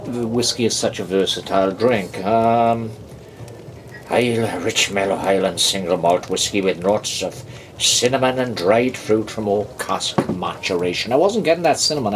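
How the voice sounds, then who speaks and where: Man, very deep voice, casual whisky review, rambling, halting, faint background hiss. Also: low-quality recording. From United Kingdom. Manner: rambling, halting, with many ums and restarts. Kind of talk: casual tasting review with a joke told aloud.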